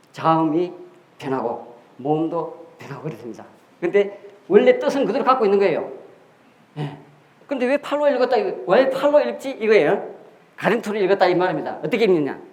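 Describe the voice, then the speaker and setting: A man's voice: high voice, a little mellow. A man giving a classroom lecture on history and characters, explaining step by step with rhetorical questions and repeated key words. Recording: echoey room.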